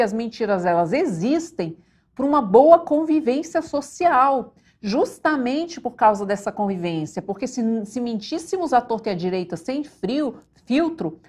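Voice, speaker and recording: A Brazilian woman with a fairly high voice gives a live lecture as a psychologist. She talks in a chatty, animated way, constantly checking in with her audience and breaking off to give directions to the crew. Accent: Brazilian Portuguese. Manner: chatty, addresses viewers as "gente", frequent "tá?" tags. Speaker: psychologist hosting a live online talk.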